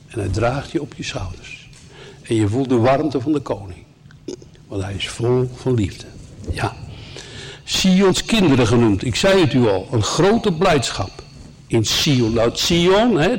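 A man's voice: medium pitch, a little hiss or hum. A man preaching a sermon to his congregation in an earnest, emphatic way, with asides to the listeners.

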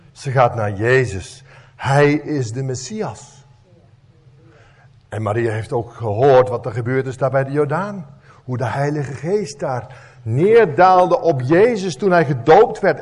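A man's voice: on the high side, a little mellow. A man preaching a sermon as pastor, retelling a story with dramatic rhetorical questions.

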